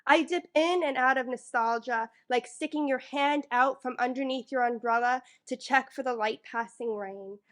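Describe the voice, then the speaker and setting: At a public library event room, a featured poet from New York reads her own poems to a live audience through a microphone. Her voice is high and her pace normal, with hardly any pauses, though she seems a little nervous and fills the gaps between pieces with plenty of fillers.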